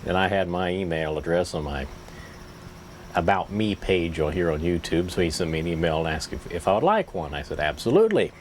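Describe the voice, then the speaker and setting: A man's voice: sits low, fairly quick, slight background noise. A man chatting casually to camera in a folksy, rambling, self-deprecating way, as if with a pipe in his mouth. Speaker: pipe-smoking YouTube vlogger.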